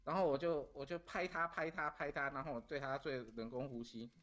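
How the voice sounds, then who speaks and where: A man's voice: mid-range voice, steady tone, a little fast, a bit bright, lo-fi sound. Middle-aged man. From Taiwan. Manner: earnest, repeats phrases while recounting events. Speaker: guest. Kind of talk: casual storytelling.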